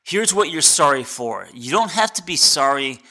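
A man's voice: on the high side, expressive, moderate pace, bright, forceful tone. A man hosting his own podcast as a life coach, giving unscripted advice in an earnest, plainspoken way with frequent restarts. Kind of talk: unscripted solo advice talk.

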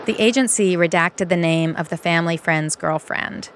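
A woman reporter narrating a scripted investigative documentary in a measured, matter-of-fact way. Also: lowish voice. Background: music.

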